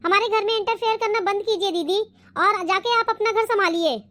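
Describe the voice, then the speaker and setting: A woman's voice: very high-pitched, a little fast, fairly bright tone. A woman voicing a fed-up young daughter-in-law who protests sharply in a cartoon. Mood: defiant.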